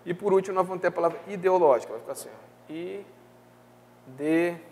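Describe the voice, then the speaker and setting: A Brazilian man teaching an exam-prep review class, lively and checking in often with his students. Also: high voice, rapid-fire, long reverb tail, slight background noise. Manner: lively, peppers speech with tag questions.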